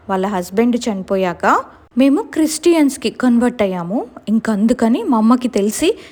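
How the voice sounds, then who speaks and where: A woman's voice: a little high, darkish tone. A woman casually telling a real-life horror story in a colloquial, conversational way.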